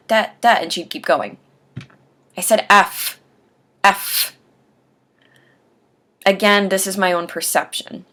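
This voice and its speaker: A woman with a slightly low voice talks straight to her camera in a casual video diary. She has a faint lisp and spells out each word with deliberate, exaggerated care, like someone practicing her own speech. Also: fairly bright tone. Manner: deliberate, over-enunciated speech. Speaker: vlogger sharing denture aftercare advice. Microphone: webcam or camera mic while watching herself on screen.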